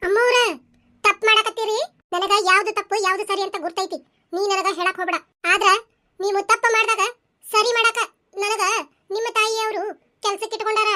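A woman's voice: extremely high pitch, fairly even intonation, fairly quick, pushed and bright. A woman voicing a loyal young village maid in a cartoon, firm and respectful, with a North Karnataka Kannada accent. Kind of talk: cartoon voice acting.

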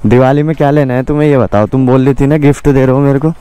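A man's voice: medium pitch, steady tone, fast, mellow, clear, resonant tone. A young man vlogging on a town street, coaxing and pleading in a casual chatty way and saying "yaar" often. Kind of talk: casual chat on a street vlog. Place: outdoors on a busy town street.

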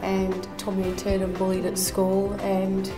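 A woman's voice: medium pitch, monotone, slow. A woman in her forties, a hair stylist, answering interview questions earnestly with plenty of ums. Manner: earnest, with many fillers. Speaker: hair stylist and salon owner. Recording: echoey room with music under it.

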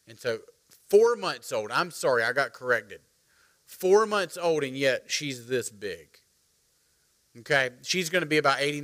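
A middle-aged man, preaching a sermon as pastor, animated and joking as he calls on the congregation. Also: medium pitch. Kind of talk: sermon with storytelling. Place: church sanctuary.

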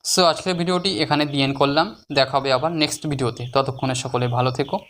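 Teacher spelling words out slowly. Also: medium pitch, a bit bright, slight background noise. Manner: spells words out letter by letter, then syllable by syllable; lifts the voice to announce each new word. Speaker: English teacher. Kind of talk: spelling lesson for students.

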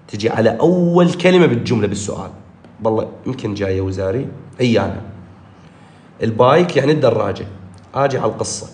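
A male teacher with an Iraqi Arabic accent runs an exam review, hammering the same points over and over. His pitch leaps up when he stresses an answer. The room around him sounds echoey. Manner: repetitive, drilling key points, animated pitch jumps. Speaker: English teacher.

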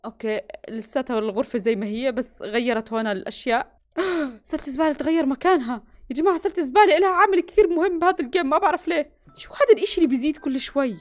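A woman's voice: high voice, lively intonation, rapid-fire, soft background music. A young woman, commentating a horror game, gasping and jumping between muttering and yelps. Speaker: gaming YouTuber.

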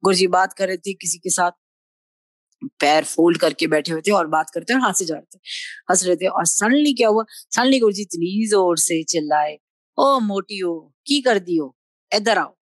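Middle-aged lady sharing her devotion story, lively, mixing hindi and english, lowish voice, dry sound. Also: moderate pace, no room sound. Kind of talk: personal testimony storytelling.

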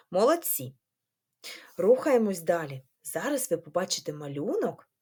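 A woman's voice: on the low side, darkish tone, slightly rough. A woman teacher with a Ukrainian accent giving a remote reading lesson to young children, patient and sing-song, clapping out syllables. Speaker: primary school teacher.

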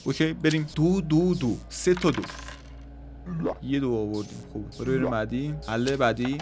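A man's voice: medium pitch, darkish tone. A man commentating a dice game he is playing, counting rolls aloud and swearing or cheering at the results. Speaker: gaming YouTuber. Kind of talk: casual let's-play commentary. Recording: game music behind voice.

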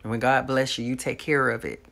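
A woman's voice: a bass voice, flat delivery, a little fast, vocal fry, a bit bright. Woman, 30s; sincere to-camera testimony, close phone mic, small home room. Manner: earnest, talks straight to viewers, faith-filled. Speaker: vlogger.

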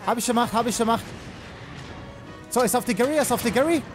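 Excitable young man, very high voice. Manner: excitable, repeats words rapidly, mixes in English slang. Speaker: let's player. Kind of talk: live gameplay commentary. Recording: game music behind.

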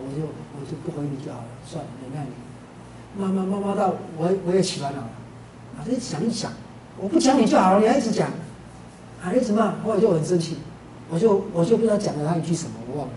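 A man's voice: high voice, dark tone. A man, giving a Buddhist teaching talk with conversational storytelling and frequent filler syllables. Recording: roomy, distant, noisy lecture recording.

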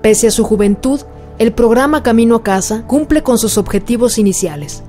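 A woman reading a documentary's scripted narration in an even, formal manner, with facts and figures. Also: on the high side, moderate pace. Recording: voice-over with faint music behind.

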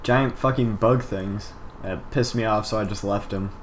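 A man's voice: on the low side, fairly even intonation, moderate pace, slight background noise. A young man giving casual game walkthrough commentary, laid-back and swearing freely as he explains the route.

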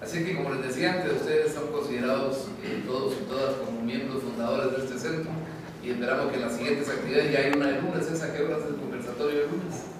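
A man's voice: mid-range voice, fairly even intonation, quick pace. A middle-aged man opening a seminar with casual, friendly welcome remarks and light jokes, recorded in a meeting room on a table microphone. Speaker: seminar organizer. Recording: echoey room, noisy, mic at a distance.

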